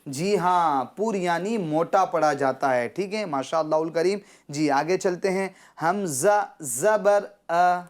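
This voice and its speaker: A man teaching children Quran pronunciation, patiently checking understanding and drawing out syllables slowly when he models them. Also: on the high side. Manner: patient, repeats "theek hai?" to check understanding. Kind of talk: children's Quran recitation lesson.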